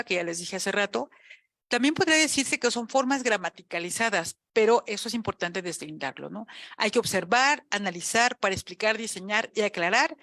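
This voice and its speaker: A woman's voice: mid-range voice, a bit bright, dry recording. Mexican woman lecturing at a university, chatty, keeps asking her listeners to check in, dry close sound. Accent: Mexican Spanish. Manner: chatty, frequent tag questions. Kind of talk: academic lecture. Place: university auditorium.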